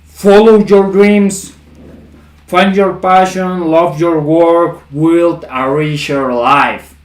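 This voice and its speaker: A man's voice: a little high, fairly even intonation, extremely slow. A man hosting a livestream in casual chat, talking like a hyped-up gym bro and repeating his phrases. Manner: hype gym-bro talk, repeats phrases, often says bro. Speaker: livestream host.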